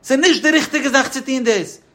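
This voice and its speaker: Agitated scolding man, shrill and insistent, pitched far up, put on by a man. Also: a little fast, a bit bright.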